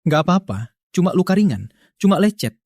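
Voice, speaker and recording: A man's voice: high voice, very animated, brisk, dry recording, studio quality, exaggerated voice. A man voicing a devoted young husband, tender and reassuring in a dubbed drama. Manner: tender, reassuring, gently teasing.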